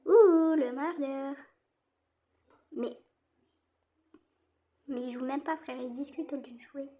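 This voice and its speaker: Young french girl streaming a game, high voice, slangy, says stuff over and over. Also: slow pace. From France. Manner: excitable, repeats herself, laughs often; slangy teen talk. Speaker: gaming streamer. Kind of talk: casual gaming commentary.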